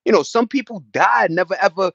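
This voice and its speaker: A high-pitched, creaky, slightly bright voice comes from an American man speaking a little fast on a livestream, in dull audio with no room sound. He answers viewer chat casually, rambling in street slang with passion and emphasis.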